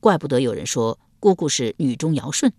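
A nervous, bowing male courtier, played by a woman reader, pitched low and dry. He hesitates and stammers, deferring at every turn. Close, dry audiobook sound. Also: big pitch swings, a little fast, a little mellow, no room sound, exaggerated voice. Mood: deferential. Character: timid, anxious male court official nephew.

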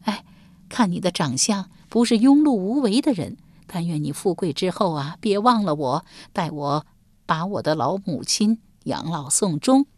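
A woman's voice: lowish voice, very animated, no echo. A woman doing a kindly old servant woman. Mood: reassuring. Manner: slow, sighing, motherly. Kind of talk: audiobook character voice.

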